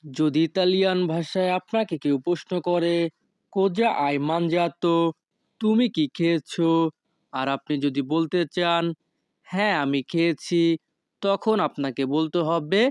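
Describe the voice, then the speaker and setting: Slow, smooth-voiced language teacher. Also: medium pitch, no echo, studio quality. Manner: repeats each phrase and says it again word by word, slowly. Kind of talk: scripted language lesson.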